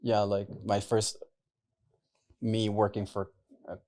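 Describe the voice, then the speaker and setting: Speaking slowly in a level, darkish, low-leaning voice, a young podcast guest from Mexico and the US keeps the interview casual. Spanish is his first language, and his loose chat is packed with "like" and "right?" fillers.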